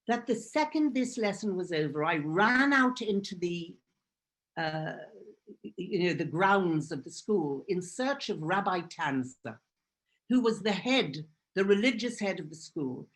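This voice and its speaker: With a lowish, sing-song, unhurried voice, a woman from Israel, Hebrew her first language, gives an emphatic personal talk as a guest speaker. Her manner is earnest, and she repeats phrases for emphasis.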